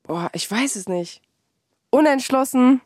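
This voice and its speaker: A woman's voice: a little slow, dry recording, studio quality. Chatty young German woman laughing often. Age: young adult. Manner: chatty and animated, laughs often, acts out quotes in a higher voice. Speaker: musician guest. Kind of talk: casual interview chat.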